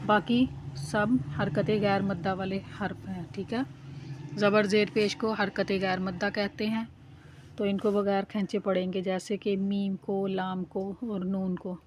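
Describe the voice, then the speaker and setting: Slow, even-toned woman teaching recitation. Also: mid-range voice, a little hiss or hum. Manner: patient, repeats "theek hai" to check understanding. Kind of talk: slow, careful tajweed lesson with drawn-out recitation.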